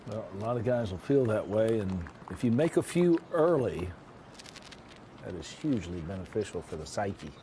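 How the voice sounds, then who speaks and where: A man's voice: on the low side, animated, moderate pace, dark tone, a little hiss or hum. A man giving conversational live golf commentary, repeating phrases for emphasis.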